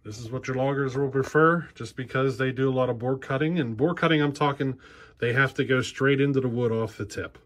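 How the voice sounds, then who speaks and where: Medium-pitched and brisk, a forties-aged man who runs a chainsaw channel explains things in a plain, practical, casual way, frequently using um and you know. The recording comes from a handheld camera held close in a cluttered garage workshop indoors.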